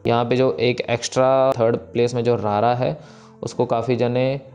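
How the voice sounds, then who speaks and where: Patient man teaching slow recitation. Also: medium pitch, level tone, darkish tone, dull audio, soft background music. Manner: patient, explains slowly, recites verses drawn out. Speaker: Gurbani pronunciation teacher. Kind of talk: recitation lesson.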